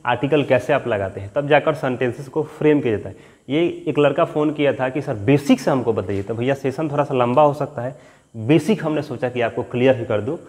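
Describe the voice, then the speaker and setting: A man teaching an English grammar lesson, explaining patiently, dictating example sentences slowly and often checking that students understand. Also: mid-range voice, big-room sound. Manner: checks understanding with repeated questions.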